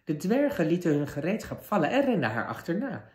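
Male storyteller, fairy tale for kids, animated pitch, echoey room. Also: fairly quick. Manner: lively, expressive narration. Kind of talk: children's fairy tale read-aloud. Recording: roomy echo.

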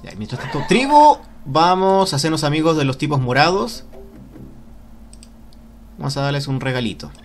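A man commenting excitedly on a video game as he plays, often whooping and cheering, and reading the on-screen game text aloud. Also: fairly high pitch, normal speed, long pauses, soft background music. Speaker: let's play gamer.

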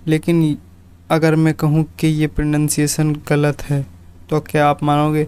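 A man teaching English pronunciation, speaking slowly and deliberately and repeating each word for practice. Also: on the high side, monotone, a little mellow, smooth. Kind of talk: pronunciation drill lesson.

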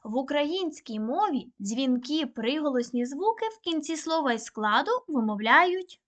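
A woman teaching a recorded online primary-school lesson, dictating words slowly and clearly. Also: high-pitched, lively intonation, fairly bright tone. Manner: slow, clear, deliberate dictation.

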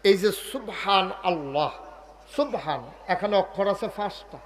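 A high-pitched man preaches a humorous sermon into a microphone. He keeps the crowd calling back to him and scolds the sound man now and then. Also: lively intonation, unhurried, fairly bright tone. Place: outdoor religious gathering.

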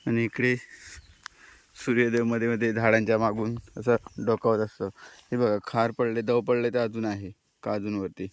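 A man from Konkan, India, giving a relaxed, chatty walking-tour narration to his viewers outdoors in a hilly forest pasture. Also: fairly low pitch, moderate pace, clean tone, dry recording. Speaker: village vlogger.

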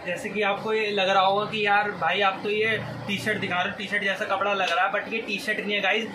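Eager high-voiced young salesman. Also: flat delivery, fairly quick. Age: 20s. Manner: eager, repetitive teleshopping-style selling. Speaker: clothing shop presenter. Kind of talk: sales pitch to camera. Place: small indoor clothing shop. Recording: clear background noise, shop ambience.

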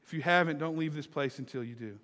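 A male pastor preaching a memorial sermon and prayer in a church, swinging from loud exclamations to hushed, slow emphasis and asking the congregation direct questions. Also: fairly high pitch, in a large hall. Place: church sanctuary.

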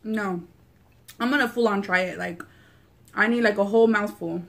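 A woman's voice: medium pitch, normal speed, vocal fry. A young adult woman hosting an eating video, chatting casually to camera in an informal, slangy way with some swearing. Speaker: mukbang host. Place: small furnished living room, indoors.

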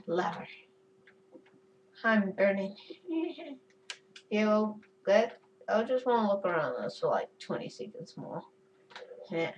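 A woman's voice: medium pitch, darkish tone, recorded from a distance, rough recording. A woman giving chatty, goofy commentary while playing a game, cursing and giggling at her own jokes. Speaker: gamer. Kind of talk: casual gameplay commentary.

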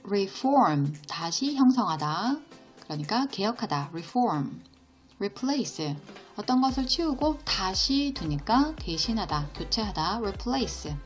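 A woman teaching an English vocabulary lesson, explaining each word slowly and patiently and asking her students questions along the way. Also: medium pitch, a little mellow. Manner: slow, patient explanation with question-and-answer prompts.

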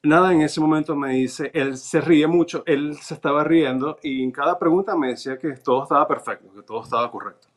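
A man's voice: a little high, brisk. A man from Venezuela, recounting events step by step in casual conversation. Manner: recounts events step by step, reading notes aloud. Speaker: interview guest. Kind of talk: casual storytelling.

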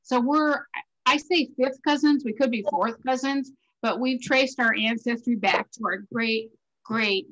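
A woman in her sixties chatting on a video call at a class reunion gathering, telling family stories in a lively, talkative way. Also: a little high, unhurried, highs cut off. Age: 60s. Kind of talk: casual video call chat.

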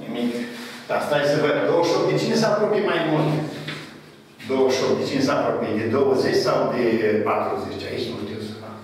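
A man tutoring a young pupil in math, thinking aloud, counting steps out slowly and teasing playfully. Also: medium pitch, big pitch swings, slight background noise. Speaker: math teacher. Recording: echoey room, voice far from the mic.

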